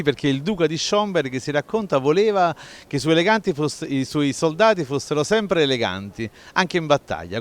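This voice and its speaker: A man explaining in a conversational, playful way, with rhetorical questions and asides. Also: mid-range voice. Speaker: explainer of local dialect and folklore.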